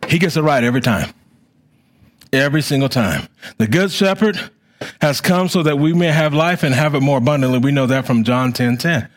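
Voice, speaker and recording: A middle-aged pastor delivers a sermon with a fervent, repetitive cadence that rises loud and falls quiet. His voice sits on the high side.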